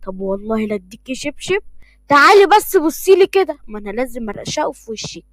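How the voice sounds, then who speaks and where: A woman's voice: fairly high pitch, very animated, quick pace, dry recording. A woman voicing a stern, scolding mother with an Egyptian accent. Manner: scolding, mock-threatening.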